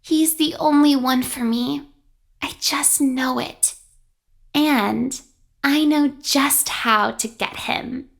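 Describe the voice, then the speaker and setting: High, swooning lovesick animatronic. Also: female voice, slow pace, heavily acted. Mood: dreamy longing. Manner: breathy, swooning delivery. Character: lovesick, obsessive girlish female animatronic, dreamy. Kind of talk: video game character acting.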